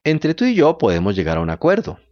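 A man's voice: a little high, huge pitch swings, fast, darkish tone, no echo, muffled recording, voice pushed up. A man voicing a stern farmer who bargains bluntly, in a storybook reading. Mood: bargaining. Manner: blunt and businesslike.

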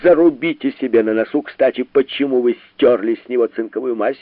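A man voicing an elderly, irate professor who roars slow, scolding lectures, in a storybook reading. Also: mid-range voice, no echo, close to an everyday voice. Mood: furious. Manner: roaring, scolding, deliberate. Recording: narrow tinny radio-like sound.

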